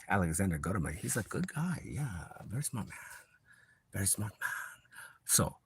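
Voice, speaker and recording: A man's voice: on the low side, big pitch swings, moderate pace, gravelly, slight background noise. A man on a livestream, talking in a rambling, repetitive spiritual monologue that drifts into whispers now and then.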